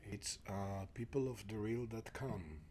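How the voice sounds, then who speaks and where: A man's voice: lowish voice, measured pace, warm tone, slight background noise. A middle-aged man from Israel, guest on an interview show, speaking reflectively and often sinking to a near-whisper. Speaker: guest, spiritual teacher.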